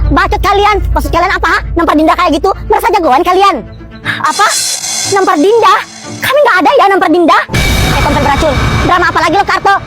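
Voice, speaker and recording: A woman voicing a dubbed comedy drama skit about rival school cliques, talking in a bickering, taunting, sassy way. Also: very high voice. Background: background music.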